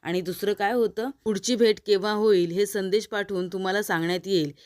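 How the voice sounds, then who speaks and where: A woman voicing a confident, playful young husband in a serial recap, calm and self-assured. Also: mid-range voice, a little fast, lightly acted.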